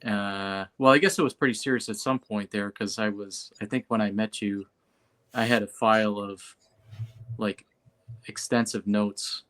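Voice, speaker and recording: A man's voice: fairly low pitch, fairly even intonation, normal speed, a bit bright. A man speaking as a host and pastor in a casual chat, loosely and often correcting himself.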